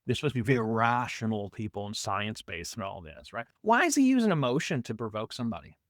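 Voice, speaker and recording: A reaction video host comments on a debate clip, arguing emphatically and firing off pointed rhetorical questions. He is very animated and fast, with a middling pitch and a close, dry sound with no room echo.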